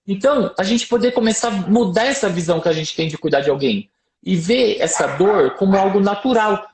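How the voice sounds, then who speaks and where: A Brazilian man, a doctor, giving parenting advice on a live stream in a lively, explaining way with anecdotes. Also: sits high, brisk, echoey room. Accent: Brazilian Portuguese. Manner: lively explaining, tells anecdotes, asks "percebe?".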